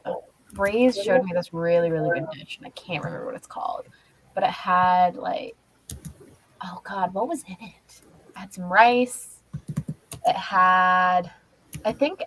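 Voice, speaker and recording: A woman's voice: lowish voice, a bit bright, slight background noise, rough recording. A woman cosplayer answering questions in character on a livestream, rambling with lots of fillers and hesitations. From Australia.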